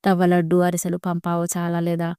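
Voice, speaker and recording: A woman's voice: on the low side, monotone, fairly quick, warm tone, clean tone, no echo, clean studio sound, lightly acted. Snappy young wife, as a woman narrator reads her. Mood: irritated. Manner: snappy, exasperated. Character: moody, sharp-tongued pregnant young wife.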